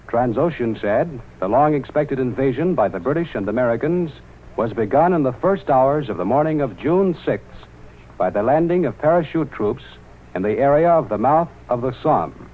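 A man reading a formal wartime radio news bulletin in a measured announcer delivery, with the sound of an old newsreel broadcast. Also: mid-range voice. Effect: old newsreel-style radio broadcast sound. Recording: tinny, narrow-band 1940s radio broadcast.

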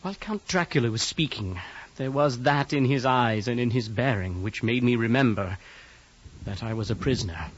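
A man's voice: mid-range voice, normal speed, husky, close to an everyday voice. A young man voicing a nervous young male clerk held prisoner, who narrates a radio drama in an earnest, increasingly fearful way. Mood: grave. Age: young adult. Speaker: narrator and lead character. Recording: dull lo-fi audio with music behind.

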